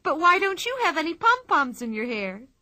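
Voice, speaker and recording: A woman's voice: sits high, sing-song, normal speed, sharp tone, no echo, clean studio sound, pitched above the performer's own voice, full character voice. A woman voicing a bold, cheerful, strong little girl who talks in a carefree, matter-of-fact way. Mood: curious.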